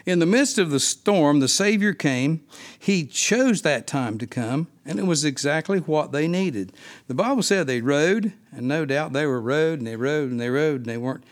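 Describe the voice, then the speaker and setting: Male Bible study teacher, fairly high voice, unscripted sermon delivery with rhetorical questions. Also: animated, normal speed.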